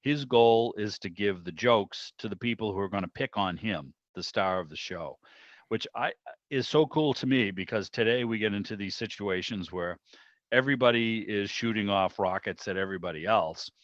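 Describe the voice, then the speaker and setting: Through muffled, roomy video-call audio, a man hosting an online club meeting from indoors talks about old radio in a casual, enthusiastic, rambling way, thinking aloud. His voice is on the low side, at normal speed.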